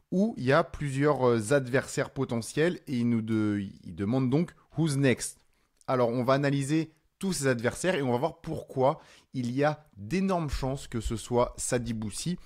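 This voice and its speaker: A man hosting his own channel, explaining fight news in a casual, animated way with frequent fillers. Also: medium pitch. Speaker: MMA channel host. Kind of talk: casual commentary to camera.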